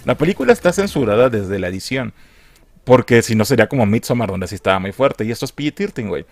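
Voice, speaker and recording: A man's voice: medium pitch, fast. A young Mexican man recapping and mocking a film in casual, crude slang. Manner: crude, mocking slang, lively put-on character voices. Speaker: film reviewer.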